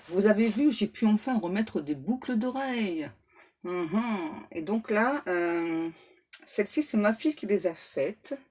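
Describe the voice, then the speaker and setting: A woman does a casual tarot reading to camera, chatty and joking, breaking off to banter with her spirit guides and laughing at herself in a self-mocking way. Her mid-range voice is expressive, a little mellow and slightly rough. She takes it slowly and pauses often.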